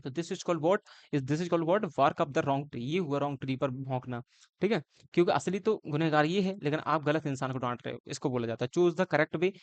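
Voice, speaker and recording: A male teacher explains idioms for competitive exams in a fairly high voice. He keeps asking and answering his own questions and mixes Hindi with English. The sound is dry and close, with no room around it. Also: dry recording. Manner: switches between Hindi and English phrases; slows to spell out idioms and meanings. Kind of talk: exam-prep lecture.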